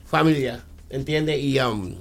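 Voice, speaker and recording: Over faint background music, a man with a mid-range voice and a Puerto Rican accent shares his story as an interview guest. Born in New York and raised in the Bronx, he hesitates, repeats himself, and often asks "¿entiende?"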